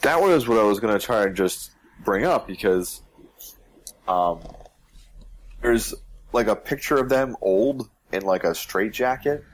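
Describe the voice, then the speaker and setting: Guy with a really low voice, rambling casual chat, keeps restarting his thoughts. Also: expressive, measured pace, a little hiss or hum. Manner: rambling, thinking aloud with restarts. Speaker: co-host of a game discussion stream.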